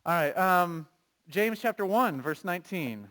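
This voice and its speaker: Animated man preaching a sermon. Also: high voice, unhurried. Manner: conversational, animated preaching with rhetorical questions; reads scripture aloud. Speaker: pastor.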